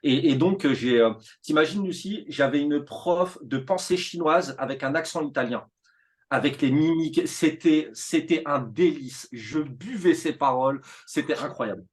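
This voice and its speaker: A man's voice: fairly high pitch, normal speed. Chatty man telling his story. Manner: animated storytelling with many fillers and restarts. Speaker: interview guest, teacher. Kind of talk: casual conversational interview.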